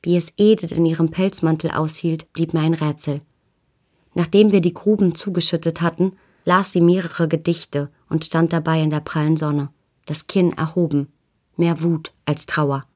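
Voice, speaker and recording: A woman calmly narrating a novel in the first person as an audiobook reader. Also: sits low, moderate pace.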